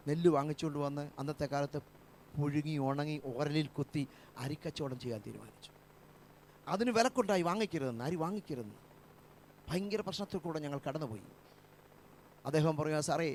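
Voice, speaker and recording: Pastor, male; fervent repeating sermon delivery, higher voice, light hum. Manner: fervent preaching with repeated phrases. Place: church.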